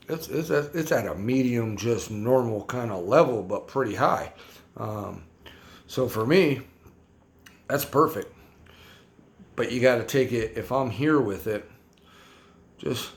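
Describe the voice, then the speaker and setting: A man casually reviewing a hot sauce for his vlog, rambling and slangy, repeating himself as he talks. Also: fairly low pitch.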